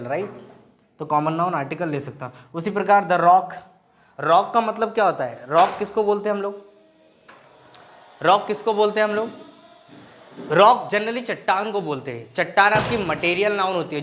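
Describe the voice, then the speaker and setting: High-voiced grammar teacher. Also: male voice, fairly bright tone, a little hiss or hum. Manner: explains in Hindi mixed with English terms, asks and answers his own questions; keeps checking in with "right?". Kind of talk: classroom-style grammar lesson.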